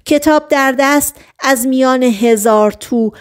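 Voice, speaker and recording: A woman reading an audiobook novel aloud in a calm, measured storytelling manner. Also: sits high. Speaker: audiobook narrator. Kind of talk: scripted audiobook narration.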